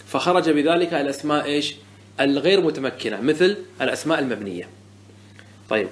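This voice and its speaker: A man with a slightly higher voice teaches a grammar lesson. He quizzes the class and often answers his own questions. He repeats key terms and points out common mistakes. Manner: asks the class questions and answers them himself. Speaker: teacher of Arabic morphology.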